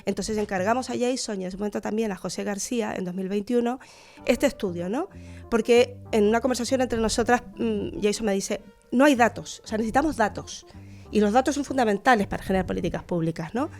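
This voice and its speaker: A woman's voice: medium pitch, a little fast, darkish tone, faint music behind. A woman from Chile with a Chilean accent, a guest researcher on a radio interview, speaking thoughtfully with fillers and restarts.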